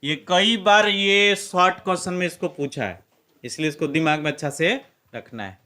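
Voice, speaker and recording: A man's voice: sits high, normal speed, bright, forceful tone. A male physics teacher with a Bihari Hindi accent, giving a classroom lecture with a hands-on demonstration and coaxing students to repeat terms aloud.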